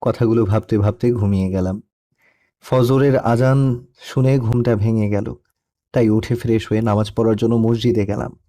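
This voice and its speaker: A young man narrating a first-person love story in a soft, melancholy storytelling manner. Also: fairly low pitch. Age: young adult.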